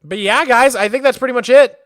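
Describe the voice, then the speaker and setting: With an extremely high pitch and a slightly fast delivery, this man is recorded dry at studio quality. He's from Massachusetts, USA, casually streaming his tour of a game world, relaxed and chatty, with "like" popping up constantly.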